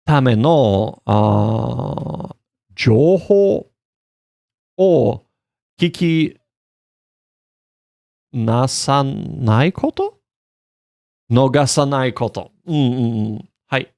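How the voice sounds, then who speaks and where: Recorded with clean studio sound and no echo, a man with a medium-pitched, darkish, creaky voice speaks slowly and animatedly, leaving long pauses. He's a streamer learning Japanese, chatting casually on a livestream with study and game reading. His talk wanders as he thinks aloud about himself.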